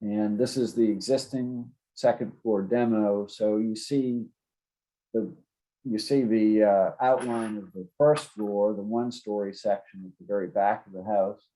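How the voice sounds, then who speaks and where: A man's voice: fairly low pitch, steady tone, a little slow, warm tone, low-quality recording. A man giving an informal, explanatory presentation as city zoning staff, plain-spoken and a little hesitant.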